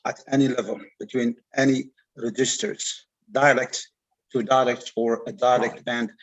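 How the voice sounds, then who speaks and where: A man from Algeria with a North African, Algerian accent and Arabic as his first language, giving an explanatory academic answer in a halting way. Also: mid-range voice, little pitch movement, rough recording. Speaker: conference panelist.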